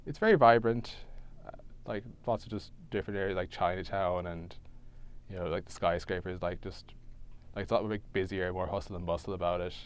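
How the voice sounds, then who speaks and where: A man's voice: sits low, fairly even intonation, brisk. A young man from Galway with a west of Ireland accent, answering interview questions casually as a student. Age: young adult.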